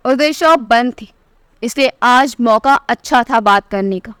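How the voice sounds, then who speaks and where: High, smooth-voiced woman storyteller. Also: a little slow, a bit bright, no room sound, clean studio sound. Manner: reads all the dialogue in one voice, pitch rising for quoted lines. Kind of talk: first-person story narration.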